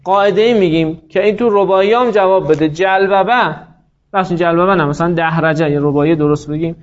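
High-voiced male teacher, lo-fi classroom. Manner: explains step by step, quizzes students by name. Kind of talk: classroom lecture.

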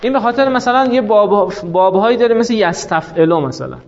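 A man's voice: high-pitched, animated. A man teaching a class, explaining step by step and asking rhetorical questions that he answers himself. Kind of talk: classroom lecture. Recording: dull lo-fi recording.

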